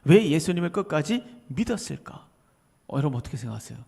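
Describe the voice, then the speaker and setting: A male pastor delivers a sermon in a high, strongly animated voice that swings widely in pitch. He presses his points with rhetorical questions and sometimes falls to a near whisper. The sound carries a long church-hall reverb. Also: fast talker, creaky, husky. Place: church sanctuary.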